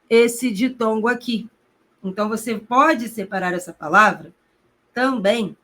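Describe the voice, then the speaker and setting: Woman teaching grammar, slow emphatic explanations. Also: medium pitch, fairly bright tone. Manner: didactic, addresses the student directly with rhetorical questions; stretches out key terms slowly for emphasis. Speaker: Portuguese teacher. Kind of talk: recorded exam-prep grammar lesson.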